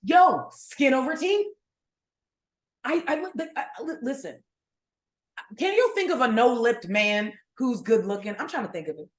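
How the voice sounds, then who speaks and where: A woman co-hosting a podcast in casual chat, with a fairly high voice that swings widely in pitch. She talks bluntly and swears freely. The room gives her voice a noticeable echo. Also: animated, measured pace, long pauses. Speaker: podcast co-host.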